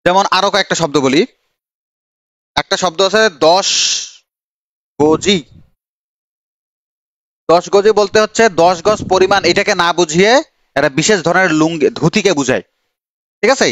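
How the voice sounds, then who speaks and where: Young guy teaching online class, talks fast, teases students by name, kinda high voice. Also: fairly bright tone, dry recording. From Bangladesh. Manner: chatty, teasing, calls on students by name. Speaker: admission coaching teacher. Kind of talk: live online grammar class.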